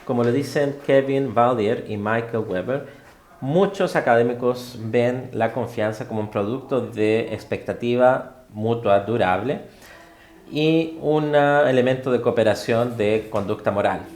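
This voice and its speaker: A man relays a university lecture in spoken interpretation, mid-pitched and halting. He leans on fillers and corrects himself mid-phrase. The sound carries a roomy echo. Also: darkish tone.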